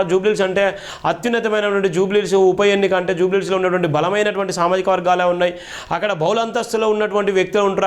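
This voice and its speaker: A man hosting a political interview, asking long, deferential questions. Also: high-pitched. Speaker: live show interviewer.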